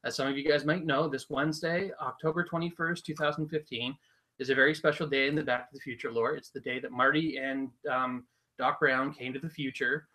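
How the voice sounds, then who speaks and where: A young man hosting a casual podcast, his voice sitting at an ordinary middle pitch. He explains things patiently and drily. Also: fairly even intonation, a little fast, sharp tone, rough recording. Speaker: podcast host. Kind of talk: casual chat.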